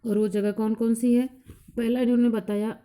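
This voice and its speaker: A woman teacher explaining a lesson to a class, reciting verses slowly and then explaining them in plain, repeated points. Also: fairly high pitch, level tone, warm tone. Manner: repeats each point several times. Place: coaching class.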